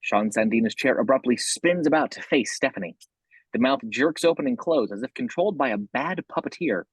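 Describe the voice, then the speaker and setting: In a husky, mid-range voice, a man narrates a horror script, describing each action in the present tense. His delivery is animated and a little fast. The recording is dry and close, with no room sound.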